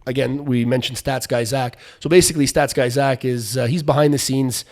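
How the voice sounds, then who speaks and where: A male podcast host in casual sports chat, with a voice of ordinary middle pitch. He rambles loosely and drifts from one topic to the next. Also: fairly even intonation, fairly quick.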